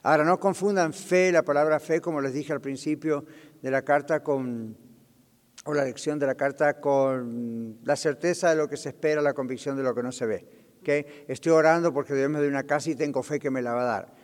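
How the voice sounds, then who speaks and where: A man's voice: a little high, fairly even intonation, fairly quick, long reverb tail. A man, a pastor, teaching a Bible study lesson, explaining and checking in with his class. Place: church.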